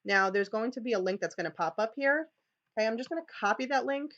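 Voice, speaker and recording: A New York-accented teacher, animated and quick, runs a live screen-share tutorial for teachers in a voice on the high side with a fairly bright tone. The sound is lo-fi, and she chats along with lots of "okay"s and restarts.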